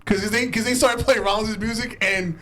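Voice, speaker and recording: A man co-hosting a casual podcast, telling wrestling stories in a relaxed way and dropping his voice low for asides. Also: moderate pace, a little hiss or hum. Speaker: podcast co-host. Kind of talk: casual chat.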